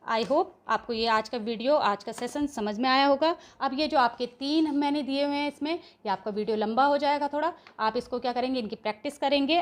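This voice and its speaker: A woman teaching chemistry in a slightly high voice, working through the steps one at a time. She keeps checking in with her students and slips English terms into her Hindi. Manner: explains step by step, often checking in with "ठीक है". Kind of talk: classroom lecture.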